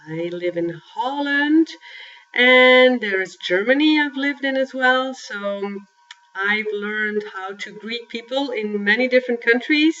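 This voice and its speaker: A woman's voice: fairly high pitch, slow pace, fairly bright tone, recorded from a distance, lo-fi sound. A woman from Belgium giving a chatty presentation on cultural greetings, pointing to slides as she goes. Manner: chatty, friendly, talks with filler and restarts.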